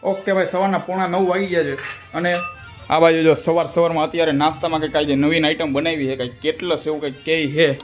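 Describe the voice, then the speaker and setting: A man's voice: a little high, fairly even intonation, quick pace, soft background music, poor audio. A young man, chatting casually and teasing his family in a home vlog. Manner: playful, teasing banter. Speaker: family vlogger.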